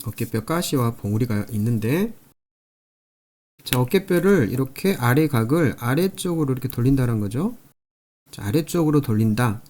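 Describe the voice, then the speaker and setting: This male lecturer covers anatomy by drawing and tackling review questions, repeating important terms and stressing points as he goes step by step. His mid-range voice is expressive and slightly mellow at a normal pace, with a bit of background noise.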